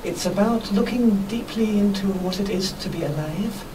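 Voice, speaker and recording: A woman being interviewed on radio as a workshop teacher, explaining spiritual ideas in an earnest, reflective, measured way. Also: medium pitch. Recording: noisy, distant microphone.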